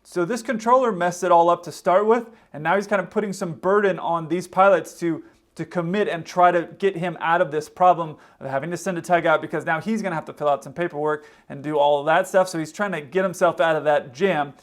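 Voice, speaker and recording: A man's voice: fairly high pitch, fairly even intonation, fairly quick. A man hosting a casual explanatory commentary, conversational and acting out hypothetical quotes as he goes. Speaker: host, pilot commentator.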